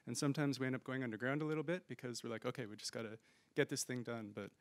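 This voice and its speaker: A man with a medium-pitched, fairly even voice talks very fast into a handheld microphone, with no echo. He is one of the organizers on a conference panel, speaking from a conference room stage in a thoughtful, hedging way full of fillers and restarts.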